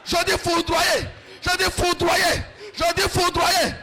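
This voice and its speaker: A male pastor leading a shouted deliverance prayer, fervently repeating short commands over and over. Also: extremely high pitch, level tone, slow pace, a faint crowd, a little hiss or hum.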